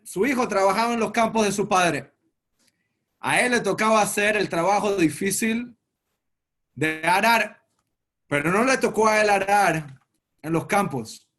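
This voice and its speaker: A man's voice: sits high, fairly bright tone. A man, a rabbi, giving a sermon as a story and quoting its characters along the way. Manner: retells a story, quoting its figures in passing.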